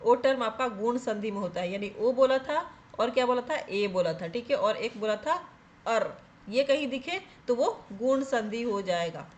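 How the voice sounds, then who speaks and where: A woman with a high-pitched voice teaches a grammar lesson for exam preparation. She explains each rule step by step, often puts a question to her viewers and then answers it herself. She keeps checking in with listeners as she goes. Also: expressive, moderate pace, darkish tone. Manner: repeats "theek hai" to check in with viewers.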